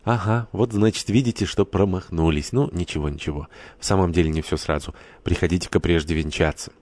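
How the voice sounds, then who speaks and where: Brief: male reader doing an eager village priest, low and close, lively jumps upward. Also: fairly quick, no echo. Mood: insistent. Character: talkative country priest, middle-aged man, eager.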